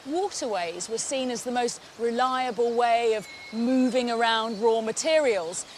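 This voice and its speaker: A woman's voice: a little high, measured pace, slight background noise. A woman presenting a wildlife magazine show as one of its hosts.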